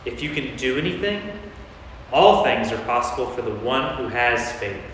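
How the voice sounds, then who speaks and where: Forceful, declamatory Jesus, acted by a man. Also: mid-range voice, lively intonation, normal speed, natural voice. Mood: instructing. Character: Jesus, stern commanding male teacher. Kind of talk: amateur staged Bible reading. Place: large church interior. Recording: echoey church hall from far off, faint noise.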